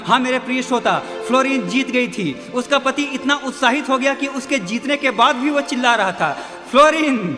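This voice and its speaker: A man's voice: extremely high pitch, a bit bright, in a large hall. A male preacher delivering a dramatic storytelling sermon, often calling out to his listeners. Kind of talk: recorded radio-style sermon.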